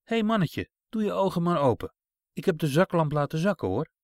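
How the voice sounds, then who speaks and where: A man's voice: fairly high pitch, big pitch swings, moderate pace, no room sound, studio quality. A man reading a story aloud and voicing a kind woman who soothes a frightened little boy. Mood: gentle. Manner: soft, soothing, coaxing. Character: kind gentle woman caring for children.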